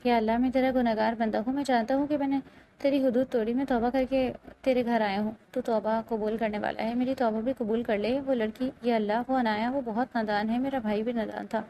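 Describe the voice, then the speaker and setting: A woman's voice: on the high side, steady tone, dark tone, a little hiss or hum, close to an everyday voice. A woman voicing a young male police officer who pleads in prayer and later speaks bluntly and firmly, read in a storybook style. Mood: pleading. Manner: pleading, then blunt and firm.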